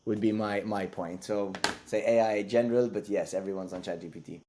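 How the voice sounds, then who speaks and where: A man co-hosting a casual podcast, with a voice pitched a little low. He talks in a measured, explanatory way, laying out his point step by step. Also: fairly even intonation, background noise. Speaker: podcast co-host. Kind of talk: casual chat.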